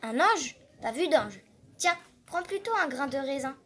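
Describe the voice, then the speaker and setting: A woman's voice: sits high, lively intonation, unhurried. A woman doing a curt grape-harvester man. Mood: gruff.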